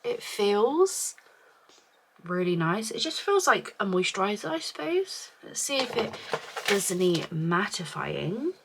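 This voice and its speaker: A woman's voice: medium pitch, big pitch swings, normal speed, vocal fry, a bit bright, slight background noise. A woman vlogger reviewing beauty products in a casual, chatty way, thinking aloud, her voice chesty from a cough. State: chesty from a week-long cough.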